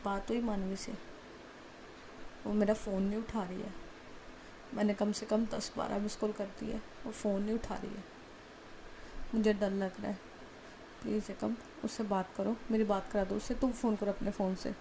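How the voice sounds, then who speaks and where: A woman's voice: mid-range voice, flat delivery, moderate pace, creaky, pauses often, background noise, natural voice. A woman voicing a frightened young bride who pleads tearfully and panics. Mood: anxious pleading. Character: frightened young bride desperate for her love.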